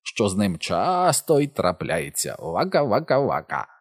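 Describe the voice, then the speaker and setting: A man's voice: fairly low pitch, wildly swooping pitch, unhurried, no echo, studio quality, heavily acted. A man voicing a brash, showy, wisecracking boy of about eleven in a storybook reading. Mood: teasing.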